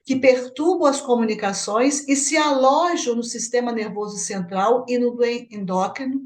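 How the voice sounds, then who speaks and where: Explaining Brazilian woman, higher voice. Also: moderate pace. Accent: Brazilian Portuguese. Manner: explanatory, asks partner for confirmation. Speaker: study group host. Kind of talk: spiritist book study discussion.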